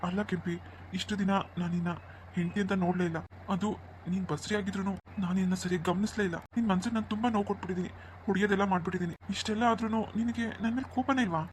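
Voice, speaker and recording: A woman's voice: mid-range voice, fairly even intonation, rapid-fire, darkish tone, slight background noise, close to an everyday voice. A woman voicing a remorseful young village husband in a cartoon story, speaking in a pleading, tearful way. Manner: pleading, tearful and self-blaming. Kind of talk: Kannada cartoon story dubbing.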